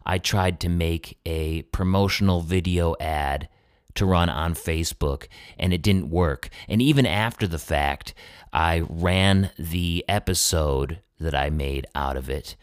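A man's voice: very deep voice, dry recording, studio quality. A male singer-songwriter talking in a casual solo monologue, easygoing and chatty. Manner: easygoing, chatty self-promotion.

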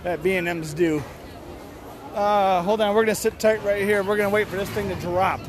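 Guy with a high squeaky worn-out voice, hyped sweary podcast rambling outside, crowd all around. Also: steady tone, moderate pace. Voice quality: strained, squeaky voice, losing it from yelling. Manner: enthusiastic, opinionated. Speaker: podcast host. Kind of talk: casual, sweary amusement park podcast chat. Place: outdoor theme park, on exit stairs and in queues. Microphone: handheld phone. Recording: busy outdoor crowd and ride noise.

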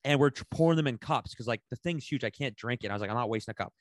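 A man co-hosting a casual podcast, telling a rambling, animated story full of slang and swearing. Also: mid-range voice, very fast, dry recording. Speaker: podcast co-host.

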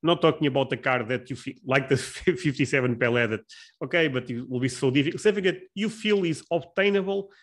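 A male podcast host with a medium-pitched voice talks in English in a casual interview chat. His style is conversational, halting and repeating words as he works out his questions and answers.

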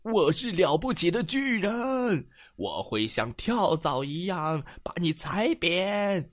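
A bragging storybook giant booms out threats in a raised, showy voice, as a man puts it on. The tone is boastful and mock-menacing, pitched above a plain speaking voice. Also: big pitch swings, takes it slowly, no echo, clean studio sound, heavily acted. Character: hidden boastful 'giant' making threats.

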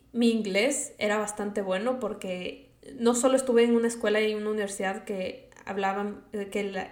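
A woman's voice: mid-range voice, echoey room. A young woman from Latin America with a Latin American Spanish accent, chatting casually and giving advice, dropping English words into her speech. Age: young adult. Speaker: vlogger.

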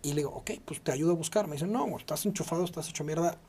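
A man's voice: quick pace, slightly rough. A man in his thirties with a Mexican Spanish accent, telling a personal story in casual conversation, acting out the dialogue and swearing freely. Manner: animated, swears freely, acts out quoted dialogue with sudden high-pitched outbursts.

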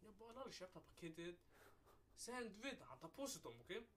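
A man's voice: high-pitched, slight background noise. Slangy young man telling a story. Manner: animated storyteller, mixes street slang and swearing. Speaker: podcast co-host. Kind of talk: casual chat. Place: podcast recording room.

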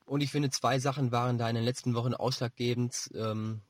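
A man giving football analysis as a pundit, measured and explanatory, feeling his way through phrases. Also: medium pitch, steady tone, dry recording. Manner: measured, explanatory, hesitant phrasing with repeated words.

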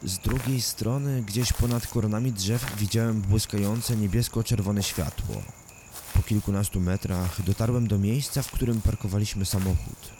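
A man narrating a first-person thriller audiobook in a calm, measured storytelling manner. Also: on the low side, noisy background.

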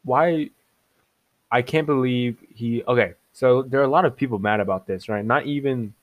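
A young man giving casual reaction commentary, excitable and mocking, often laughing and jumping up in pitch in disbelief. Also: normal speed, dry recording, dull audio. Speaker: online commentator.

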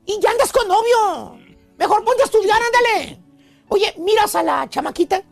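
A man's voice: extremely high pitch, lively intonation, normal speed, creaky, soft background music, exaggerated voice. A man playing a pompous old male professor who lectures on love in a radio comedy sketch, in a theatrical, preachy manner. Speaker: comic radio host.

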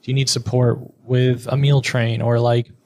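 A warm-toned, medium-pitched male voice with flat delivery moves at a normal speed. It belongs to a middle-aged therapist and entrepreneur, a podcast guest who speaks bluntly and frankly in a conversational interview, occasionally swearing.

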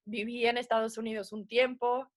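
A woman's voice: on the high side, flat delivery, normal speed. A young Mexican woman with a mixed Mexican accent carrying a tinge of American English, chatting as a podcast guest and laughing often. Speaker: guest, sports TV presenter. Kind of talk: casual podcast chat.

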